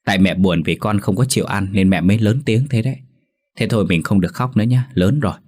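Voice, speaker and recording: A man's voice: lowish voice, quick pace, a little mellow, close to an everyday voice. Man voicing a middle-aged father, plain and soothing. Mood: calm. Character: middle-aged village father, easygoing drinker.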